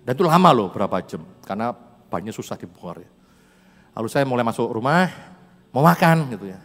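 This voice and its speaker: A man, a pastor, preaching a sermon in a chatty storytelling manner and laughing often. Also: mid-range voice. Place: church hall. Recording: reverberant church hall, faint music.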